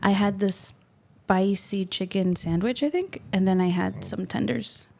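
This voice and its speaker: A giggly woman chatting as a guest on a casual friends' podcast, her voice pitched in a plain middle range. She laughs at herself often and keeps things light. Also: a little slow, creaky, a little mellow, a little hiss or hum. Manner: giggly, self-deprecating. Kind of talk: casual chat among friends.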